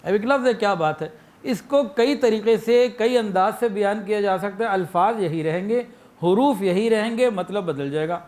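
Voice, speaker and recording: With a voice that sits high and sounds a little mellow, a man with a Pakistani Urdu accent preaches a sermon. He brings his points to life through anecdotes and phrases he acts out.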